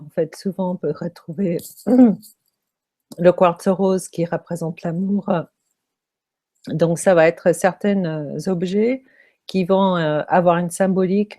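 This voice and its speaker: A woman who is losing her voice speaks as a feng shui consultant answering interview questions, halting often with fillers. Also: mid-range voice, mellow. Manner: halting, many pauses and fillers.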